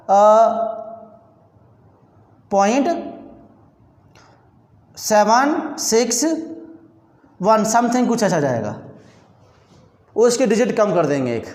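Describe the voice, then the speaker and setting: A man with a very high voice gives a chemistry lesson, repeating each step for his students. The sound rings around a hard room with a long, echoing tail. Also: a little mellow. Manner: addresses students as children, repeats steps. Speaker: chemistry teacher. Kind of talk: classroom lecture. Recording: echoey room with long reverb.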